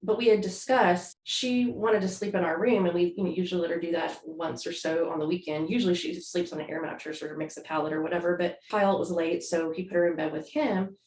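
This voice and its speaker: A woman's voice: fairly low pitch, fairly even intonation, fast, hardly any pauses, a little mellow. A woman co-hosting a podcast in casual, chatty talk. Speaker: podcast co-host. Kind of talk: casual chat. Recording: roomy echoey room.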